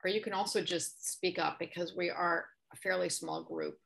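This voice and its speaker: A middle-aged woman hosts the question round of an online workshop from her home office. She reads out audience questions calmly and at an even pace. Her voice sits on the low side. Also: moderate pace, gravelly. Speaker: moderator. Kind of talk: moderating a webinar Q&A. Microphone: video call.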